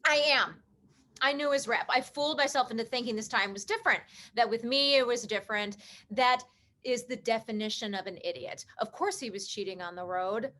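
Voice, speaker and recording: A woman playing a heartbroken, sharp-tongued young sports reporter in a comedy play reading over a video call, swinging into emotional, sarcastic outbursts. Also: on the high side, fairly quick. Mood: upset.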